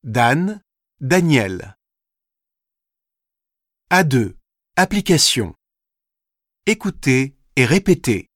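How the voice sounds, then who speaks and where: A man slowly reading a scripted language course, with careful, deliberate articulation. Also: mid-range voice, animated, no echo, clean studio sound. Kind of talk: scripted instructional narration.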